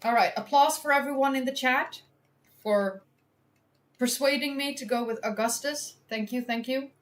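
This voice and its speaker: A woman's voice: sits high, normal speed. A woman from the Netherlands, a native Dutch speaker, chatting on a live stream while she works through a history quiz. She thinks aloud, laughs often and pokes fun at herself. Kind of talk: casual live-stream chat.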